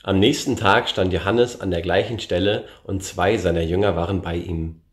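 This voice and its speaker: A man with a fairly low voice reads a Bible passage aloud, measured and clear. He lifts his voice for the speakers he quotes. The recording has a noticeable room echo. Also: fairly even intonation. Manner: measured reading, gives the quoted speakers a lift. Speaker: scripture reader. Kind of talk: bible reading.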